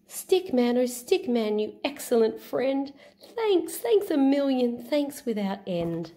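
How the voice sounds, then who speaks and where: A woman doing Santa Claus, jolly and booming. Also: sing-song, slow, mellow, heavily acted.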